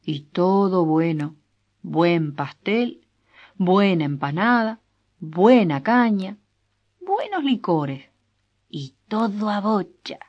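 A woman voicing a drunk, boastful rural man who rambles loudly and drags out his words. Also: medium pitch, very animated. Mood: drunk boasting. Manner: loud, drawn-out, rambling. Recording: dull lo-fi recording.

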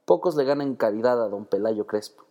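A man's voice: medium pitch, a little fast, dark tone, lightly acted. A man voicing a fierce, loyal young male servant who talks eagerly and bluntly, in a read-aloud story.

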